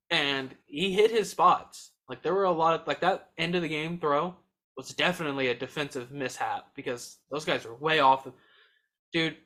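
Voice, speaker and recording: A young man co-hosting a podcast, talking sports in a fast, excitable, emphatic way. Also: on the high side. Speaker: podcast co-host. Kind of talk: casual sports chat.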